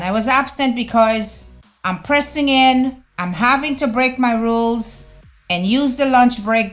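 Animated middle-aged woman vlogging at home. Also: fairly high pitch. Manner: animated, conversational, preachy asides with slang. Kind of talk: casual opinion vlog. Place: home room, indoors. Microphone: fixed camera at desk.

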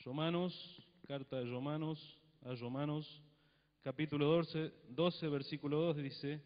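Speaking a little slowly in a steady, somewhat high voice, a middle-aged pastor from Argentina preaches into a handheld microphone in a church hall. He gives the scripture readings solemn weight before talking plainly with the congregation, captured with long reverb and dull lo-fi broadcast quality.

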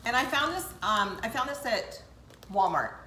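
An older woman hosts a casual cooking demonstration in her home kitchen, chatting straight to viewers as she works. The sound bounces around the room with clear background noise under her voice. She is recorded from a camera set back across the counter. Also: on the high side, lively intonation, moderate pace, bright, forceful tone, echoey room, poor audio. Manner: chatty, talks straight to viewers while working. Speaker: cooking show host.

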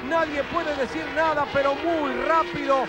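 A man with an Argentine accent giving urgent, excitable live motorsport commentary, often repeating his phrases as the race's lead commentator. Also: very high voice, normal speed, over loud music. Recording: loud engine and track noise behind.

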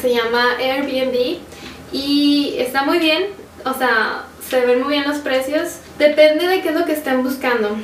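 Sitting on a sofa at home, a young Mexican-accented woman chats through a casual Q&A with viewers, her voice pitched high and unhurried, with frequent laughter. The audio feels roomy and a little distant, carrying a faint hiss.

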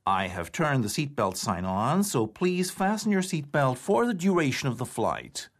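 A man's voice: medium pitch, very animated, normal speed. Male actor as airline captain, formal scripted cabin announcement in flight-crew manner, strongly varied intonation. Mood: courteous, official. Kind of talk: scripted test-audio announcement.

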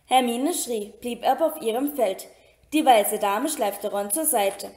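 A woman reads a story aloud in a steady, even storytelling way, now and then tripping and restarting a word. Her voice sits a little high. A roomy echo hangs around the recording. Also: a little slow. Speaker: reader. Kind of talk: amateur audiobook reading.

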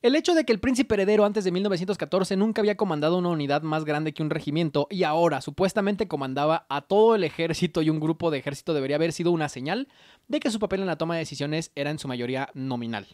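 A young man with a Mexican Spanish accent talks rapid-fire in a fairly high, darkish voice with no room sound. Hosting a casual history podcast, he reads his notes and tells the story with slangy asides, using a desk mic on an arm and headphones in a small home studio with colorful shelves.

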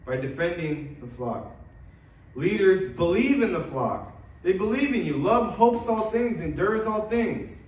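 A man's voice: sits high, lively intonation, measured pace, darkish tone, a little hiss or hum. A man preaching an earnest sermon as pastor, often restarting his phrases. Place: church sanctuary. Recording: echoey church room from far off.

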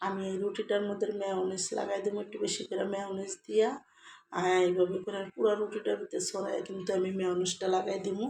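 A hoarse woman, narrating a step-by-step cooking video in a home kitchen. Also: mid-range voice, fast, reverberant, slight background noise. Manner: steady, repetitive home-cook explaining. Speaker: cooking vlogger.

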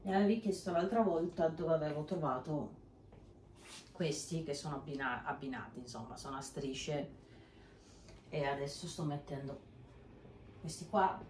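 A middle-aged woman talks at a slightly low pitch, chatting casually as she goes through her housework. Her voice carries the echo of a bare bedroom, picked up by a camera standing across the room. There is faint room noise underneath. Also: moderate pace, pauses often, darkish tone. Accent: Italian. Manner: chatty, explaining purchases and prices. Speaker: home vlogger. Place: bedroom at home, indoors. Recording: echoey room.

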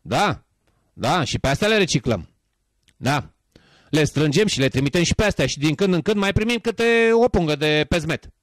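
A man's voice: a little high, animated, no room sound, close to an everyday voice. A man putting on the voice of a thrifty older male rabbi who answers questions patiently and matter-of-factly. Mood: sly.

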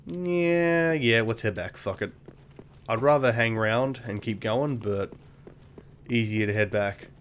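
A man's voice: medium pitch, unhurried, slight background noise. A man giving casual gameplay commentary as the host of a let's play, dry and self-mocking, with casual swearing.

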